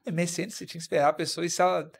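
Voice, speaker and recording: A man chatting on a podcast who talks very fast in a fairly high voice. He is jokey and quick to jump into the conversation, laughing easily along the way. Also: little pitch movement, vocal fry, breathy edge. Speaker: podcast co-host. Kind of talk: casual chat.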